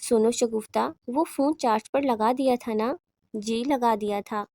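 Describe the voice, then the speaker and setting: A woman voicing a steady, reassuring older man in a horror audiobook. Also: fairly high pitch, dry recording. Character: older man, calm protective father figure.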